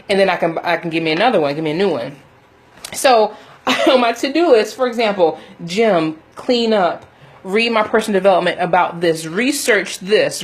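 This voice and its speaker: A woman giving a casual, motivational livestream talk in a chatty, emphatic way, often checking in with her listeners. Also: fairly low pitch. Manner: chatty, emphatic, laughs often, punctuates with "okay?" and "you know". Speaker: motivational faith coach, livestream host.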